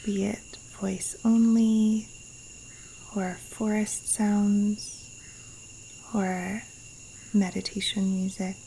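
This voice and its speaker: Amid the faint chirp of crickets, insects and other rainforest wildlife, a woman guides a yoga nidra meditation outdoors in a Costa Rican jungle. Her voice is medium in pitch with little movement, hushed, breathy and soothing, and she pauses at length. The recording is rough.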